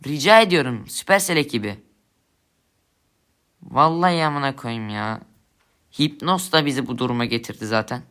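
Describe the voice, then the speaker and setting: A man's voice: medium pitch, expressive, moderate pace, pauses often, a bit bright, clear, resonant tone. A young man giving angry gameplay commentary, swearing and ranting at his teammates in frustration. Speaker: gamer streamer.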